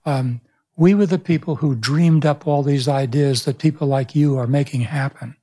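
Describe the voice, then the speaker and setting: A warm, medium-pitched male voice at normal speed belongs to a pastor and author in his seventies. During a reflective interview he tells stories thoughtfully, with frequent restarts of his sentences. He's indoors in a small room, speaking into a studio microphone on a boom arm.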